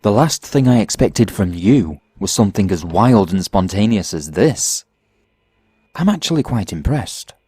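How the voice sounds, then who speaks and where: A man playing a calm, mocking killer. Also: on the low side, measured pace, husky, no room sound, clean studio sound, heavily acted. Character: calm menacing male killer ex-boyfriend. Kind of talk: horror story voice acting.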